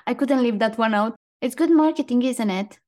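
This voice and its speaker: A woman's voice: fairly high pitch, moderate pace, dark tone. A woman co-hosting a casual podcast, talking in an easy chat and reading quotes aloud. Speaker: podcast co-host.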